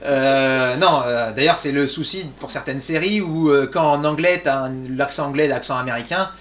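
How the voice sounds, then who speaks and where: Bright-voiced chatty French-speaking man. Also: medium pitch, normal speed. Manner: chatty, laughing often, lots of fillers. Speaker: voice actor guest. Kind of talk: casual Q&A talk. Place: small workshop room with audience.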